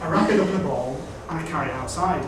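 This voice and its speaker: A man's voice: on the high side, rapid-fire. A young man doing stand-up, telling a rambling, self-mocking story on a comedy club stage. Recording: echoey venue, distant mic, noisy.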